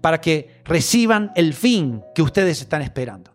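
A man's voice: on the high side, sing-song, moderate pace, faint music behind. A man with a Rioplatense Spanish accent preaching a sermon in an earnest, repetitive, story-driven way.

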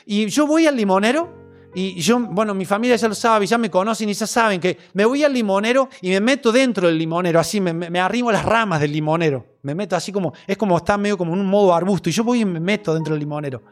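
A man's voice: high-pitched, fast talker, faint music behind. A man with a Rioplatense Spanish accent preaching a sermon in an earnest, repetitive, story-driven way.

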